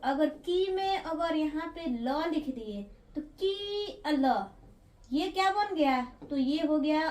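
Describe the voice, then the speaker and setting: A woman teaching a primary school Hindi phonics lesson, patiently repeating each syllable slowly and drawing it out. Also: high voice, reverberant.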